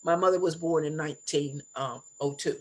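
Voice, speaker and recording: A woman in her seventies reminiscing in conversation as an interview guest, reflective and deliberate, repeating phrases for emphasis. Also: low-pitched, rough recording. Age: 70s. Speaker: interview guest, elder sharing life stories.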